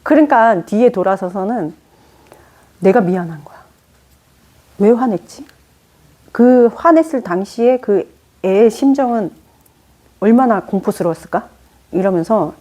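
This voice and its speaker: Mellow-voiced woman teaching a class. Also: medium pitch. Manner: lively storytelling with acted-out quotes; chatty, poses questions to the class. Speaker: teacher of Korean fortune-telling. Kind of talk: informal classroom lecture. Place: lecture room.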